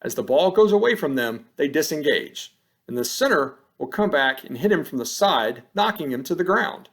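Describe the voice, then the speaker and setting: A man with a fairly high, somewhat bright voice narrates game film from a script like an officiating instructor. His short phrases are measured and matter-of-fact, yet his intonation has a sing-song quality.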